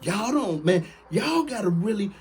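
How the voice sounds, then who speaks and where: A man in his late thirties, a former prisoner, telling his story in casual, animated talk, full of slang and repeating lines for emphasis. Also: sits high, unhurried, slight background noise. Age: late 30s.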